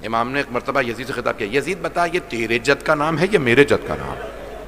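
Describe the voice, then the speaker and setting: Pakistani male preacher, bright forceful voice, dramatic sermon storytelling, long hall reverb with faint noise behind. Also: mid-range voice, big pitch swings. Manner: impassioned storytelling, swings between shouting and hushed retelling.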